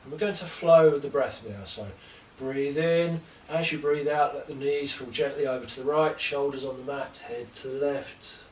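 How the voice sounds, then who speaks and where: Male yoga teacher, soft and unhurried guided instruction, recorded from a distance in an echoey room. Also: mid-range voice, a little hiss or hum. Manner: slow, gentle, calm cueing of breath and poses. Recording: roomy echo, distant mic, faint ambience.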